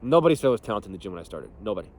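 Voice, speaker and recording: A man's voice: lowish voice, very animated, racing. Blunt, profane young man coaching fitness. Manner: blunt, profane, laughs often. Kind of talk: casual motivational talk.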